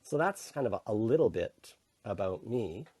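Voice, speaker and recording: A man's voice: lowish voice, very animated, normal speed, mellow, slightly rough, dry recording. A middle-aged man with a Canadian accent, a podcast guest casually telling his own story with frequent restarts. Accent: Canadian English. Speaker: podcast guest, intercultural communication consultant. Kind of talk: casual conversational interview.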